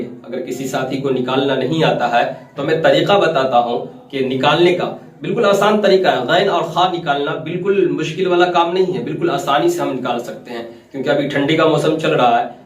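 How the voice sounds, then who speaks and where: A man's voice: on the high side, roomy sound, distant mic, a little hiss or hum. A man teaching Quran recitation step by step, repeating points, quizzing his listeners and stretching out letter sounds to show them. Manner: repeats key points and asks the class questions, then answers them; drawn-out demonstrations of letter sounds. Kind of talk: step-by-step tajweed lesson.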